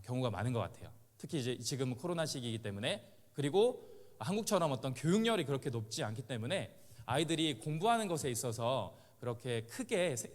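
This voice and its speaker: A man in his thirties gives testimony from the pulpit. He talks in a loose, chatty way with fillers and little laughs, at a middle pitch. The hall around him leaves a long, trailing reverb. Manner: conversational, with many filler sounds and chuckles. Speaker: missionary. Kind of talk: sermon testimony to a congregation.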